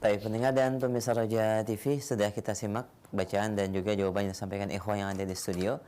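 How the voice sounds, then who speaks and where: A man's voice: lowish voice, little pitch movement, quick pace, darkish tone. A man co-hosting a radio lesson, formally announcing the phone line and welcoming callers. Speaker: radio co-host taking callers. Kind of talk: broadcast announcement.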